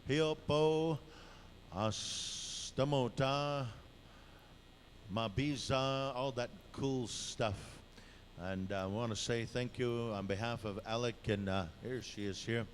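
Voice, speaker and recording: A man working as a powwow emcee, announcing live in an informal, halting way and drawing out the names he calls. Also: lowish voice, steady tone. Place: powwow dance arena. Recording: noisy live event PA announcement. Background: clear event noise and ambience.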